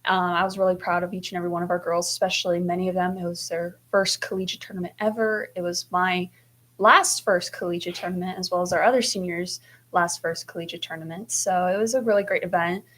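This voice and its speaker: Twenties woman, team captain, low and level delivery, earnest and upbeat. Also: fairly even intonation, fast talker, a bit bright. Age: 20s. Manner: earnest, upbeat, repeats praise for teammates. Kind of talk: media interview answers.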